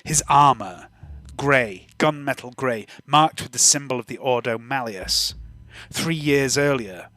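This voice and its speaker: A man running a tabletop game as game master, narrating in measured, dramatic phrases with deliberate repetition. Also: medium pitch, bright, forceful tone, no echo. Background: faint music.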